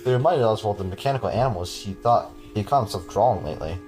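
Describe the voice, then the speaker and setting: A man's voice: on the low side, animated, very fast, darkish tone, soft background music. A man hosting a podcast, reading a horror story aloud with casual, chuckling asides to his cohost.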